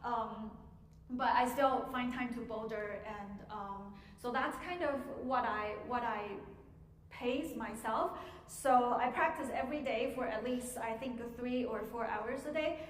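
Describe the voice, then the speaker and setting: Woman piano teacher taking questions, lots of ums, kinda high voice, big echoey hall. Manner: measured, with frequent ums. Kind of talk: answering audience questions. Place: auditorium. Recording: echoey hall, faint noise.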